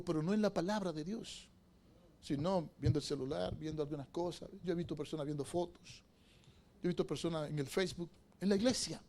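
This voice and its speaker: A male pastor with a notably high voice preaches to his congregation inside a church sanctuary. He drops to a hush as he tells a story, then climbs to loud, fervent exhortation. He keeps pulling the listeners in with rhetorical questions. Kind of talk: sermon.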